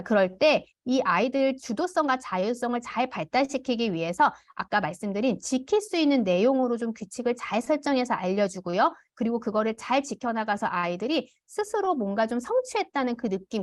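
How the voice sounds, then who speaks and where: A woman teaching an online parenting class, calmly explaining and acting out what parents can say to children. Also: a little high, brisk, hardly any pauses, no room sound. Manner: demonstrates parent phrases aloud. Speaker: parenting educator. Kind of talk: online parent education lecture.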